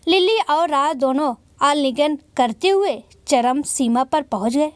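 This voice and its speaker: A woman narrating a dramatic love story in steady scripted narration. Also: high-pitched, measured pace, no echo.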